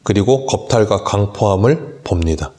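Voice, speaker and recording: A man's voice: on the low side, lively intonation, normal speed, mellow. A male pastor preaching an expository sermon at a dawn church service, earnest and full of rhetorical questions.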